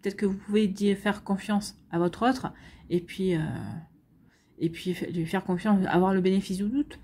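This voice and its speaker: A woman's voice: mid-range voice, steady tone, normal speed, mellow, breathy edge. A woman giving a weekly tarot guidance reading, talking straight to viewers in a hesitant way, with many fillers and repeated words. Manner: addresses viewers directly, conversational. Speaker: tarot and astrology reader.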